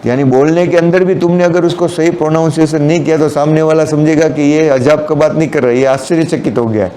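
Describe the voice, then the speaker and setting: A man's voice: a little high, steady tone, fast talker, warm tone, slight background noise. A man giving a Friday sermon, explaining the meanings of scripture words and mixing in English terms. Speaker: preacher.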